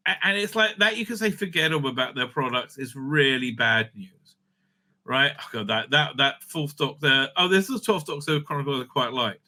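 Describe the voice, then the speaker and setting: Hosting a fan review show, a man with a medium-pitched, sharp-toned voice speaks at a moderate pace. His casual, opinionated rant is blunt and full of swearing and exasperation, with a questioning "right?" often tacked onto his points.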